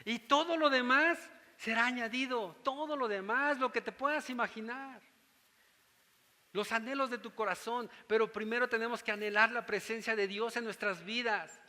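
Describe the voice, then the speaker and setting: A man's voice: extremely high pitch, normal speed, pushed and bright, long reverb tail. A man with a Mexican Spanish accent preaching a sermon as pastor, teaching and often asking whether his listeners follow him.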